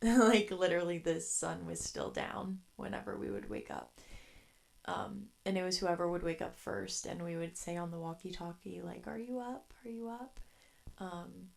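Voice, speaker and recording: Young woman, 20s, podcast host, casual bedroom storytelling, low voice with heavy vocal fry. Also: expressive, moderate pace. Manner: chatty, rambling, laughs between thoughts. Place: her bedroom.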